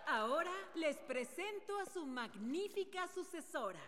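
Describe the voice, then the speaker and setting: High-voiced city official announcing at a ceremony, hall echo. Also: female voice, very animated, unhurried, crowd noise, background noise. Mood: ceremonial.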